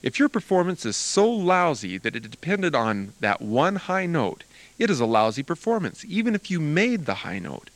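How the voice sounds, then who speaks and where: A man's voice: fairly high pitch, moderate pace, dry recording, rough recording. An older man, a music teacher, giving an earnest, encouraging talk to students about performing. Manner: earnest, encouraging, animated delivery.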